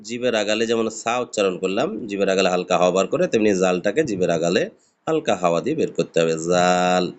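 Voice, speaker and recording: A man teaching a beginner's lesson on pronouncing Arabic letters, patiently explaining and drawing out each sound. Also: lowish voice. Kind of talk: step-by-step pronunciation lesson.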